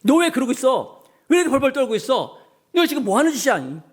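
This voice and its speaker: A man's voice: extremely high pitch, very animated, fast talker, voice pushed up, heavily acted. A man putting on a scolding queen mother. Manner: sharp rising scolding. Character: scolding queen mother, stern older woman.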